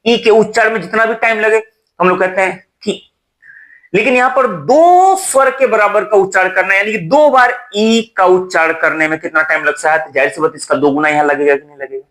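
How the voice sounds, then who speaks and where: A man's voice: high-pitched, a little fast, a bit bright. A young man teaching a Hindi exam-prep lesson at a board, repeating key terms and checking with rhetorical questions.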